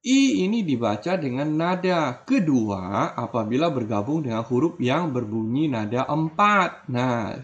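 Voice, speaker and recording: A man teaching Mandarin tones in a video lesson, stretching out his example syllables. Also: fairly high pitch. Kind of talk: online language lesson. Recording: dull lo-fi audio.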